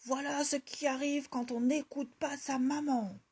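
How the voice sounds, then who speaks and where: A woman's voice: on the high side, slow, creaky, slightly rough, heavily acted. Woman doing a big stern storybook bear. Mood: scolding. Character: big gruff bear, head of house.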